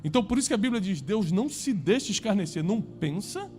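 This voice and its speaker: A man with a Brazilian Portuguese accent preaching a sermon to a congregation, emphatic, with rhetorical questions and climbs toward near-shouts. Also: sits high, very animated, fast, over music. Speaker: pastor. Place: church before a congregation.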